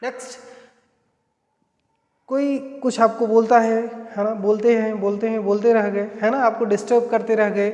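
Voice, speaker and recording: A man's voice: high-pitched, little pitch movement, unhurried, darkish tone, lo-fi sound. Indian man teaching in an echoey room. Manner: explains each phrase, repeats it, often adds "है ना". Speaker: English teacher. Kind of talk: spoken English lesson in Hindi. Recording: echoey room with long reverb.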